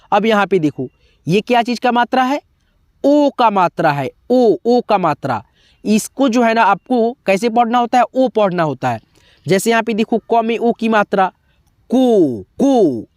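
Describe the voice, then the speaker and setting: A man's voice: high-pitched, no echo, studio quality. A man teaching a beginners' alphabet lesson, asking questions and answering them himself, then chanting syllables one by one. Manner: repetitive, asks and answers his own questions; drawn-out chanted syllables in drills. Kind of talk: blackboard-style alphabet lesson.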